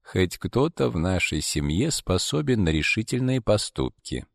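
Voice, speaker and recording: A man voicing a cold, secretive woman fortune-teller who speaks quietly and slowly in an audiobook. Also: fairly low pitch, big pitch swings, no room sound, studio quality. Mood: cold, hushed. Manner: quiet, slow, ominous.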